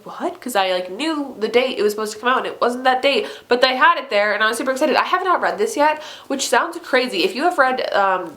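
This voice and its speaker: A woman's voice: fairly high pitch, a bit bright. A young woman in a casual book haul video, gushing with enthusiasm and using lots of fillers. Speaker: book vlogger.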